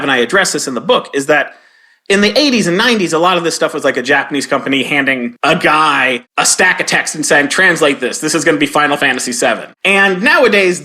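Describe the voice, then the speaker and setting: A man in his forties, a game localizer and comedy writer, is the guest in an interview, telling stories conversationally. His voice is a little high with a sharp tone, and he acts out quoted lines in a raised voice.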